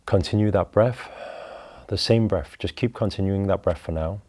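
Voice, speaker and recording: A man leading a guided breathing meditation, talking slowly and calmly through each step. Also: sits low. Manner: slow, calm, instructive.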